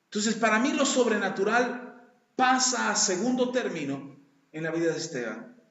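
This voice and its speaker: A man gives a sermon in a high voice, earnest and swinging between quiet and loud passages. He calls his listeners brother. The sound is dull and lo-fi, with long echo from a large hall. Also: lively intonation, moderate pace. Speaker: pastor.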